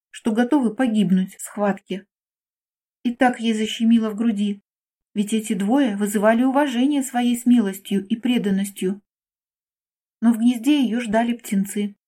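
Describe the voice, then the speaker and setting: A woman narrating a children's fairy tale in a gentle, read-aloud manner. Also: fairly high pitch.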